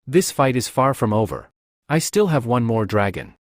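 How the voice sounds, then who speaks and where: A man's voice: medium pitch, very animated, moderate pace, no echo. Man doing young male fighter, defiant, boastful declarations, dry sound.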